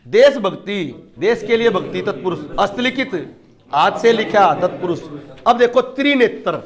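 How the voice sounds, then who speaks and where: Male tutor, high-pitched, emphatic lecture style with rhetorical questions. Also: expressive, moderate pace. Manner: emphatic, asks questions and answers them himself. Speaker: teacher. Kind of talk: exam-prep lecture.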